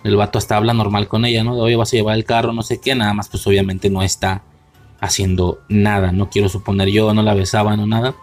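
A man's voice: fairly low pitch, level tone, a little fast, soft background music. Rambling Mexican man with slang. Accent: Mexican Spanish. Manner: rambling, slangy, self-correcting. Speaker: podcast host reviewing a film. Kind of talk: casual solo commentary.

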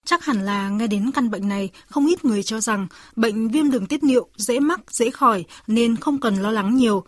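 Husky, dry, higher-pitched female narrator. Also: normal speed, no echo. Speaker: segment narrator. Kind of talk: scripted health narration.

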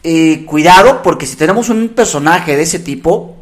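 A middle-aged man talks in a fairly high voice. He reflects out loud and slips into quoting his own angry inner thoughts. The pace is relaxed and conversational. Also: moderate pace. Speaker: podcast co-host. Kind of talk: casual chat.

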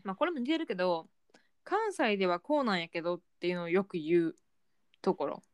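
A young woman with a Kansai accent who talks quickly, her pitch swinging widely as she reacts and tells stories. The sound is dry and close to the mic. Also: clean tone, dry recording. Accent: Kansai Japanese. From Kansai, Japan. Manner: fast-talking, expressive reactions. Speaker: podcast co-host. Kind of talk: casual chat.

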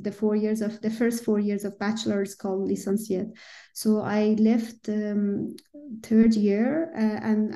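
Softly warm woman from Iran, many pauses. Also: fairly high pitch. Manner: hesitant, many fillers, laughs often. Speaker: podcast guest, physicist. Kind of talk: conversational interview.

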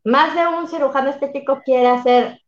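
A high-pitched woman talks reflectively and with emphasis, often affirming what she hears. Her voice carries a roomy echo, and the recording sounds somewhat dull and lo-fi. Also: moderate pace. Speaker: workshop facilitator and coach. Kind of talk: casual conversation.

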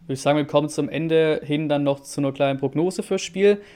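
A man's voice: fairly high pitch, brisk, mellow. A man hosting a casual football talk, conversational and asking his guest questions. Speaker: host.

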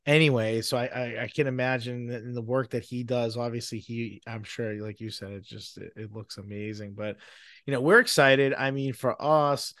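A man's voice: medium pitch, fairly even intonation, fairly bright tone, no echo, studio quality. Upbeat Boston man hosting a podcast. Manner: enthusiastic, quick to praise, laughs often. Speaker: podcast host. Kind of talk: casual podcast chat.

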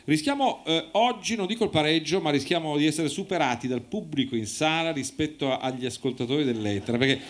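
Mock-pompous Italian radio host, pitched up. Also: male voice, a little fast, hardly any pauses. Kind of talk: live comic radio banter. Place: live radio show before a hall audience.

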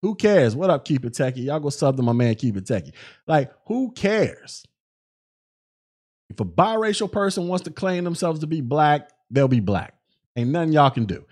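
A young man hosting a solo podcast, talking in animated, slang-heavy commentary full of restarts and repeated words. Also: on the high side, moderate pace, breathy edge. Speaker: podcast host.

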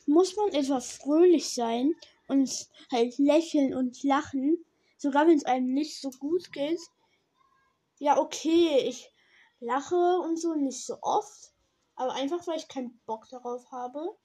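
Teen girl doing a chatty podcast, high soft mellow voice, bit slurred from braces, rambles and corrects herself. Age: young teenager. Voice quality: slightly slurred speech from wearing braces. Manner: rambling, slangy, self-correcting. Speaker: podcast host. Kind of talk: casual podcast monologue.

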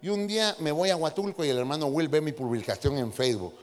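A man with a high, bright-sounding voice preaches a lively sermon, acting out the people he quotes. His voice rings with a long hall reverb, with soft music underneath. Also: quick pace. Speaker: pastor.

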